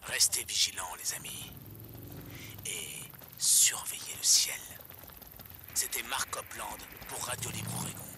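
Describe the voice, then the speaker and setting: A man's voice: on the low side, measured pace, pushed and bright, in a whisper, full character voice. An actor playing a paranoid man who rants crudely and conspiratorially over a pirate radio broadcast. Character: paranoid male survivalist radio ranter. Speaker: radio host.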